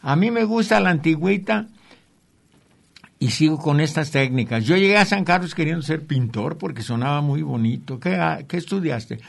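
An older printmaker with a Mexican accent tells rambling stories as a guest in an interview, breaking into chuckling asides. His voice is slightly high, gravelly and lively, at a normal speed.

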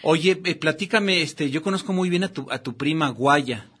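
A man's voice: fairly high pitch, moderate pace, a bit bright, husky. A man hosting a casual talk show, joking and playing with puns. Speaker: host.

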